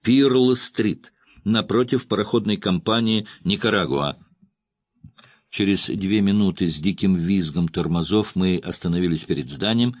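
A man with a very low, deep voice narrates a first-person crime story at a steady, measured pace. He lifts his tone slightly for the characters' lines. The recording is close and dry, with no room sound. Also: no room sound. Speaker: audiobook narrator.

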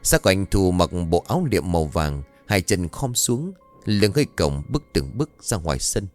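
A man's voice: low-pitched, big pitch swings, normal speed, soft background music. Dramatic male horror storyteller. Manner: dramatic, suspenseful. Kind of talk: scripted horror story narration.

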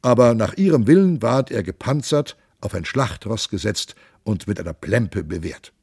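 A man reading a classic novel aloud as narrator, expressive and unhurried storytelling. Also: lowish voice, creaky, slightly rough, dry recording, studio quality. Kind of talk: audiobook reading.

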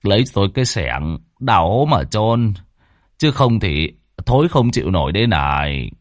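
A man's voice: lowish voice, sing-song, moderate pace, no echo, studio quality. A man voicing a blunt, impatient middle-aged farmer. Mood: gruff. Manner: gruff, blunt.

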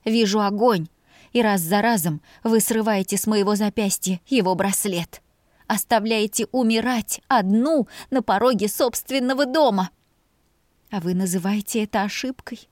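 A woman's voice: fairly high pitch, dry recording, studio quality, voice pushed up, close to an everyday voice. A woman voicing an anguished young woman who sobs as she hurls accusations. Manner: sobbing, accusing.

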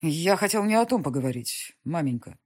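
A woman reading the lines of a stubborn young nobleman arguing with his mother, in her own husky voice with a sullen, insistent manner. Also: low voice, big pitch swings, brisk, darkish tone, full character voice.

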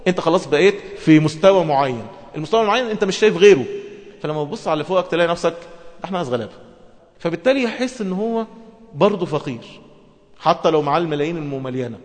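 A man with an Egyptian accent giving a religious lesson. He talks in a lively way and moves between everyday speech and formal reading. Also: a little high. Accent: Egyptian Arabic. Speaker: preacher. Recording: long hall reverb.

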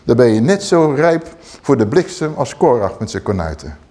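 A man preaching a sermon, animated, swinging between loud exclamations and low emphatic asides. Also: normal speed.

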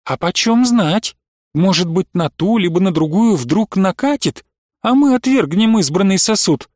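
A man voicing a devout young woman who speaks in a quiet, rapturous, earnest way. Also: high-pitched, lively intonation, normal speed, dry recording, clean studio sound.

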